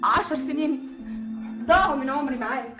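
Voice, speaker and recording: An actress with an Egyptian accent playing a neglected, resentful wife who complains reproachfully in a stage comedy. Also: female voice, high voice, brisk, reverberant, over loud music, close to an everyday voice. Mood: bitter.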